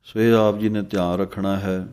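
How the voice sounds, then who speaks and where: A man teaching how to pronounce scripture. He recites lines slowly and deliberately, then explains where each pause falls. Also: low voice, flat delivery, a little mellow, smooth. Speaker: Gurbani pronunciation teacher. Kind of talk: slow, careful recitation lesson.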